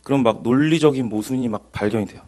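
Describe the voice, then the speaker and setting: A man in his thirties, an evangelist, giving an earnest, animated Bible lecture that mixes in his personal testimony. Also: mid-range voice, quick pace.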